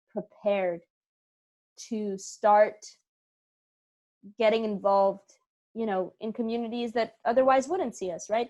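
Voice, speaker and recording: Here a theater-company actress gives sincere interview answers in a medium-pitched, somewhat dark voice. Her delivery is thoughtful and conversational, with repeated phrases and frequent "right?" check-ins.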